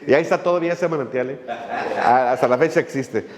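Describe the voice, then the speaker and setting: A man's voice: medium pitch, fast talker, big-room sound, crowd noise. A male pastor, preaching a sermon in a folksy way, with many fillers and little jokes as he tells a story.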